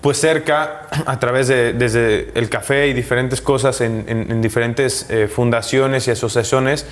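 A man in his thirties with a Mexican accent, speaking candidly as an interview guest, with frequent pauses, fillers and restarts. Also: medium pitch, steady tone. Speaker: interview guest, professional footballer. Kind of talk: casual conversational interview.

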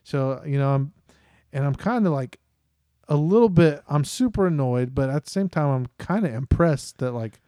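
A man in his thirties, a podcast co-host, telling a lively family story and acting out his kids' voices. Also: fairly high pitch, normal speed, smooth, no echo, studio quality. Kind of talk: casual storytelling chat.

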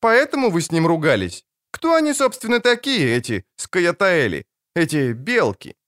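A man's voice: a little high, wildly swooping pitch, moderate pace, fairly bright tone, voice pushed up. A man voicing a cheeky young girl in an audiobook, pert and teasing. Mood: curious. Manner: pert, sing-song teasing. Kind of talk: audiobook character voice.

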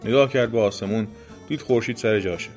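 A man with a lowish voice tells an old folk tale with gentle drama, pausing over the images. Soft music plays faintly behind him. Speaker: storyteller.

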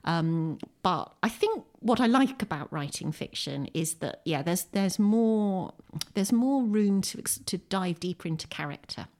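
A British poet and short story writer, appearing as a podcast guest at home, speaks in a low, darkish voice with lively intonation, a measured pace and few pauses. Her talk is reflective and anecdotal, full of wry, self-deprecating humour and chuckles.

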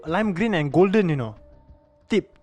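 A man's voice: high voice, expressive, moderate pace, a little mellow, no echo, soft background music. A young man with a Singaporean accent in casual, bantering chat, speaking colloquial Singlish with Malay slang.

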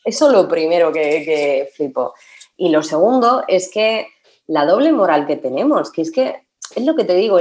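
A woman's voice: fairly low pitch, darkish tone. A woman, a guest in a casual conversation who talks emphatically and repeats words for stress. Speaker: podcast guest.

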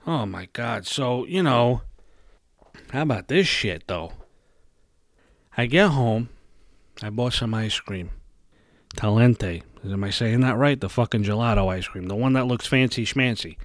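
A young man hosting a podcast, ranting in a casual, animated way and swearing constantly. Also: mid-range voice, measured pace, pauses often, no room sound. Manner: heavy swearing, animated storytelling. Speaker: podcast host. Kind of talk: casual profane rant.

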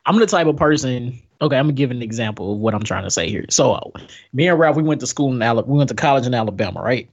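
A man with a husky voice co-hosting a casual podcast, laid-back and quick to agree. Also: mid-range voice, animated, highs cut off. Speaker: podcast co-host. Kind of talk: casual chat.

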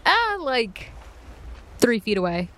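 A woman with a bright-ish, sing-song, higher-pitched voice plays a tabletop roleplaying game, drifting in and out of character. She is a player who comes across as playful and chatty, quick to laugh at herself, and there is a little hiss or hum in the audio.

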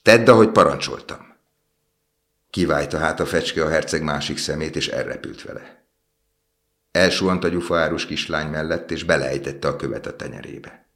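A man reading a fairy tale aloud in a calm, measured storytelling manner. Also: extremely low pitch.

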